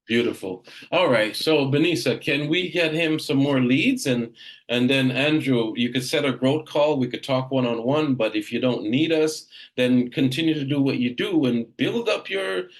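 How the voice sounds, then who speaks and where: This Jamaican coach talks real estate agents through a group session at a normal speed and middle pitch. He's blunt and emphatic, with a habit of repeating points twice.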